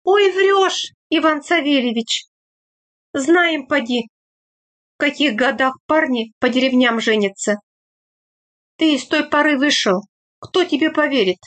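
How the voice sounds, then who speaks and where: A brisk young village woman scolds and teases with practical confidence, her voice lifted higher than plain speech, as a woman narrator puts her on. She talks slowly and with care, in the manner of a read-aloud story. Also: expressive, a bit bright. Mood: teasing, brisk.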